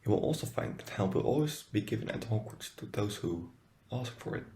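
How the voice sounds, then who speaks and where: An elderly wizard headmaster played by a man, calm and quietly firm. His low voice is gravelly and dark, measured and solemn, in a roomy audio drama recording. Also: slight background noise. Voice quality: low, gravelly, soft-spoken. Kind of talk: fan audio drama acting. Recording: roomy, echoing voice track.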